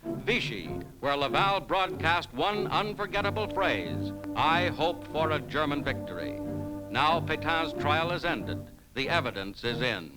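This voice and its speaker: Old newsreel narration, man, brisk emphatic announcer, somewhat high voice, loud music underneath. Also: very animated, poor audio. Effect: old newsreel recording. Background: loud music bed.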